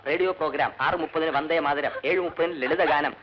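A man's voice: a little high, fast talker, very noisy, natural voice. An actor playing a fussy, unmarried male barrister who mutters and exclaims while reading aloud. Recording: dull old film soundtrack.

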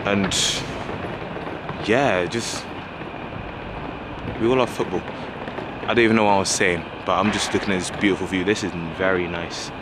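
This twenty-something travel vlogger narrates a city walk, chatting casually and with enthusiasm into a handheld camera at arm's length. He speaks low and steady at a moderate pace, pausing often, over loud traffic and street sounds.

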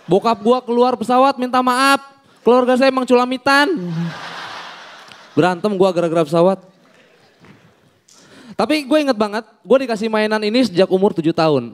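A young man performing an animated stand-up comedy set on stage, acting out the people in his stories. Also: high-pitched, moderate pace, slight background noise. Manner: animated storytelling, acts out quoted people. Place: on a comedy stage before an audience.

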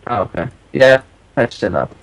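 A man playing a multiplayer game with friends, chatting casually with quick, agreeable replies. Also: mid-range voice, animated, gravelly, no room sound, rough recording. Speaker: fellow player. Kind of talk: casual multiplayer gaming chat.

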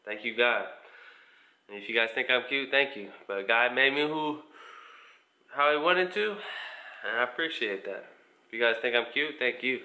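The recording is rough, and the speaker's medium-pitched voice sounds sharp, at normal speed with frequent pauses. He's about twenty, has an American accent, mostly from Indiana, and chats informally to camera, answering viewer questions from a small living room at home.

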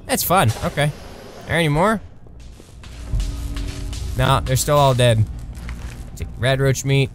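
A man streaming a video game live, reacting loudly, laughing at his own mistakes and swearing casually as he goes. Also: takes it slowly, long pauses, soft background music. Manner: excitable, jumps to high-pitched yelps when thanking subscribers. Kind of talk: live gameplay commentary.

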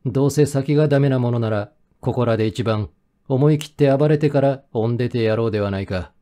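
A male audiobook narrator tells a first-person mystery in a steady, measured way. His voice is warm and dark, sitting at an ordinary middle pitch. The reading is calm and even, made for listening at night.

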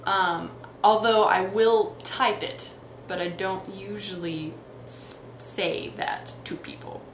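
The audio is poor, with an echoey room and slight background noise, as a young adult woman speaks slowly in a steady, mid-range voice. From Texas and Missouri with a light Midwestern accent, she chats casually to a webcam indoors in her bedroom for an accent tag vlog, full of ums and restarts.

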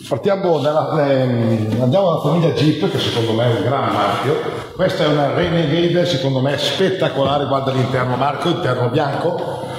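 A man's voice: mid-range voice, moderate pace. Echoing male infomercial car salesman. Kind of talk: informal infomercial sales pitch. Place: large indoor car showroom. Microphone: phone camera a few steps away. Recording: echoey hall, background noise.

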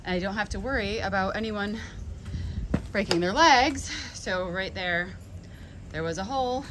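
Holding her phone at arm's length, a flower farmer and nursery owner in her thirties with an American accent gives a casual vlog walkthrough of her greenhouse nursery. She's chatty and enthusiastic, with plenty of ums and restarts, speaking at normal speed and medium pitch over a noisy background.

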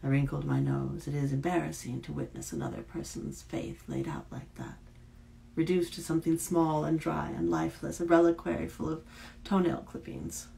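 A woman reading the part of a fierce, bitter young Huldra woman, often dropping to a hush. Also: low voice, lively intonation, normal speed, creaky, a little hiss or hum, full character voice. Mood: wry, bitter.

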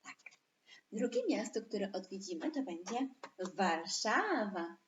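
Teaching young children online, a preschool teacher slowly stretches out syllables for them to repeat. Her mid-range voice swings widely in pitch, while the audio is dull, echoey, and carries slight background noise.

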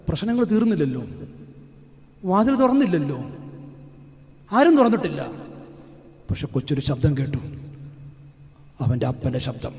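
Guy preaching, fairly high voice, tells a story then suddenly booms out loud, long echo round him. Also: gravelly. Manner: storytelling, bursting into loud emphatic exclamations. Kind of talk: sermon. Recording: long hall reverb.

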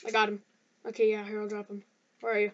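A woman's voice: medium pitch, monotone, fast, lo-fi sound, heavy background noise. A young woman casually chatting while playing a game, hesitant and restarting her sentences. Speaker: gaming youtuber. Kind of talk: casual gameplay chat.

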